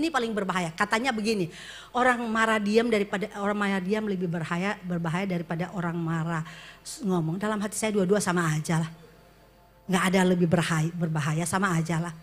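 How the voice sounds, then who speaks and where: A woman pastor preaching a sermon, speaking animatedly and addressing her congregation directly. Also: mid-range voice.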